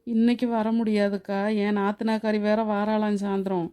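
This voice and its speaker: A woman voicing a sharp-tongued young daughter-in-law in a cartoon who mutters sarcastic asides. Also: mid-range voice, little pitch movement, moderate pace, clear, resonant tone, lightly acted.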